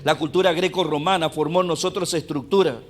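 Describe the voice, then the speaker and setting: A man with an Argentine Spanish accent, preaching a sermon as pastor and swinging from quiet asides to emphatic bursts. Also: on the high side, fairly even intonation, a little fast. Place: church.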